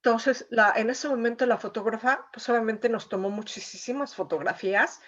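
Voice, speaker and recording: A woman's voice: on the high side, moderate pace, a bit bright, dull audio. A woman, a painter, telling an emotional story as an interview guest, with frequent filler words. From Mexico. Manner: emotional, lots of "o sea" and "eh" fillers. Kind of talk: conversational storytelling.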